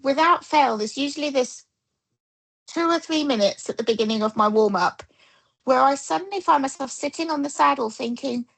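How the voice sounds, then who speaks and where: Middle-aged woman guest, fairly high voice with gravel and breath in it, animated storyteller. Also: normal speed, rough recording. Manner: animated, acts out quoted dialogue. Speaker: dressage rider and coach, guest. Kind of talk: casual storytelling interview.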